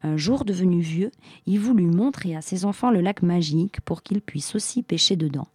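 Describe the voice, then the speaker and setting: Mellow-voiced woman reading a fairy tale. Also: lowish voice, normal speed, breathy edge, dry recording, studio quality. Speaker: narrator. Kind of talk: storybook narration.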